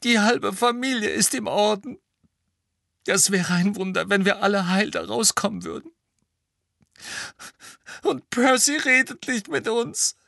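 A woman's voice: mid-range voice, measured pace, creaky, long pauses, fairly bright tone, no room sound, clean studio sound, pitched above the performer's own voice. A man voicing a middle-aged witch and mother, crying and trembling with worry. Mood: anguished sobbing. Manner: tearful, trembling, breaking into sobs.

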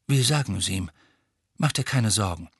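A man reading an audiobook, voicing a restless grown man who talks in a brisk, reassuring way. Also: lowish voice, animated, creaky, a bit bright, breathy edge, no room sound, full character voice.

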